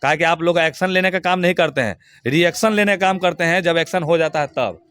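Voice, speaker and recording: A man's voice: fairly high pitch, brisk, a bit bright, clear, resonant tone. A man giving an interview, speaking in a heated, emphatic and abusive way. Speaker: interview guest. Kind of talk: heated, crude complaint.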